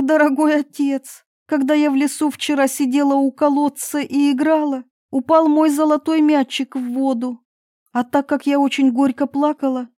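A spoiled young princess speaks in high, eager exclamations, as a woman reads her lines. Her voice rises well above the narration and stays close to the mic. The setting is a fairy-tale storybook. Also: mellow, no room sound, lightly acted.

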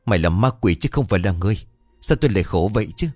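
A man voicing a shrill, abusive middle-aged mother who screams curses at her daughter in rapid tirades. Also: very animated, a little mellow, dry recording, soft background music. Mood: screeching, abusive. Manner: cursing, screeching, rapid tirades.

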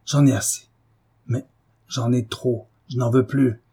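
A man's voice: mid-range voice, level tone, warm tone, husky. A drunken brutish husband, read by a man. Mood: drunk, menacing. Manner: slow, slurred, with frequent pauses. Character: drunken brutish husband, middle-aged, menacing.

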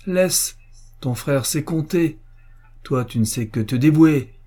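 A man's voice: a little high, lively intonation, slow, warm tone, pitched above the performer's own voice. A man voicing an indignant old father, proud and hurt, in a storybook reading, with bitter, reproachful speeches.

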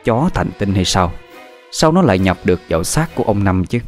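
A man's voice: low voice, very animated, brisk, a little mellow, faint music behind. A man narrating a horror story in a dramatic, suspenseful way.

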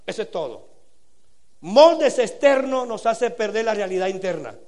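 Male preacher, high voice, earnest sermon, rhetorical questions, quiet to loud swings. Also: big pitch swings, moderate pace. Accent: Latin American Spanish.

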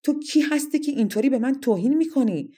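A woman voicing an angry, proud young princess who speaks in shrill, indignant outbursts. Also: lively intonation, dark tone, breathy edge.

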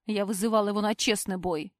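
A woman's voice: medium pitch, fairly even intonation, fairly quick, no room sound, lightly acted. A cocky young male werewolf who blusters and defies, in a woman narrator's own voice. He speaks with little change from the reader's natural tone. The recording is dry and close. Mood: defiant.

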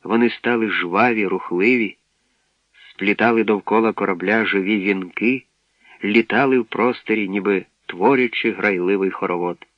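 Low-voiced male audiobook narrator. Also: normal speed, no room sound. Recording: dull, dry lo-fi recording.

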